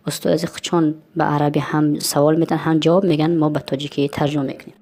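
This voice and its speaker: Low-voiced woman with a Tajik accent. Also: level tone, a little mellow. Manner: repeats words slowly, then glosses them. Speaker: lesson host and translator. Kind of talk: explaining vocabulary in a language lesson.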